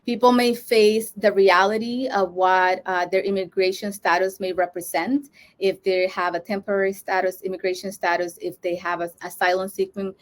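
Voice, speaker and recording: A woman's voice: medium pitch, little pitch movement, moderate pace. A woman from Honduras, a social worker, giving an educational talk to fellow social workers, earnest and thinking aloud with frequent fillers and restarts.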